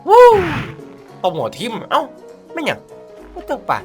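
A man giving casual comedic gameplay commentary as a video host, crude, sweary and excitable in his exclamations. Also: extremely high pitch, a little slow, soft background music.

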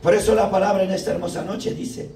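Young guy preaching, pretty high voice, fervent, keeps asking the crowd questions, echoey room, mic kinda far. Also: little pitch movement, quick pace, warm tone, a little hiss or hum. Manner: fervent, asks the audience rhetorical questions. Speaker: lay preacher at a parish prayer group. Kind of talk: sermon. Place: church hall.

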